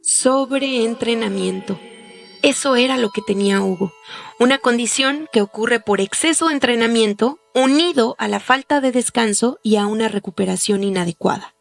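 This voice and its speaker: A woman hosting a podcast, reading a scripted documentary narration in a measured, explanatory way. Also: on the high side, gravelly. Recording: faint music behind the voice.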